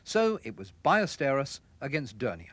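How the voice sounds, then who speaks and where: A man's voice: mid-range voice, sing-song, normal speed, a bit bright, no room sound. A man reading scripted sports narration as the presenter of a programme.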